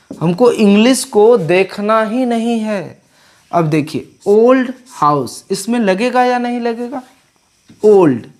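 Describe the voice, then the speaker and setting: Slow, deliberate grammar teacher woman. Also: medium pitch, a little mellow. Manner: slow and deliberate, spells letters aloud, asks and answers her own questions. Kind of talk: classroom lecture.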